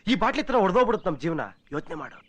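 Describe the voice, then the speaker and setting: A man's voice: lively intonation, rapid-fire, muffled recording, noisy background. An actor playing a brash, cynical young man who taunts and preaches in film dialogue. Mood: taunting. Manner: taunting, preachy, wild swings of pitch.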